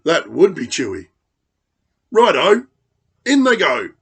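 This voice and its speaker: A man's voice: a little high, wildly swooping pitch, slow, vocal fry, a bit bright, husky, voice pushed up, heavily acted. A man voicing a sly, boastful male dingo who cooks with glee in a children's storybook. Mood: gleeful, sly. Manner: gleeful, boastful.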